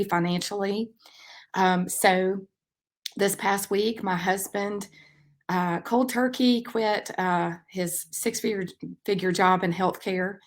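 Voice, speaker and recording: Woman, 30s, podcast host; low, flat-toned, reflective faith talk, loose and filled with ums. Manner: relaxed, reflective, many ums. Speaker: podcast host and track coach. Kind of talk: casual faith-based podcast monologue.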